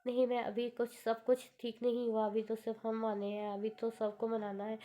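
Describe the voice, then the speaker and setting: A woman's voice: on the high side, flat delivery, moderate pace, mellow, close to an everyday voice. A woman voicing a tearful, lovesick young woman. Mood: anxious. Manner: emotional, tearful pleading. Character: tearful young woman, proud yet in love. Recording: dull lo-fi recording.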